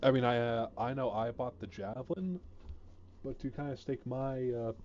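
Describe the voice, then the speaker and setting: A man's voice: mid-range voice, moderate pace, darkish tone, dull audio, slight background noise. A man chatting casually on a gaming stream, rambling and hesitant, full of fillers, sounding a bit sleepy. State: sleepy, yawning.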